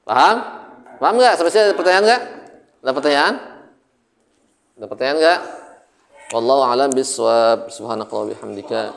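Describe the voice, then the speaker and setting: A man's voice: mid-range voice, brisk, creaky, long pauses, a little hiss or hum. A man with an Indonesian accent teaching Arabic grammar in a casual classroom lesson, joking and often asking his students questions.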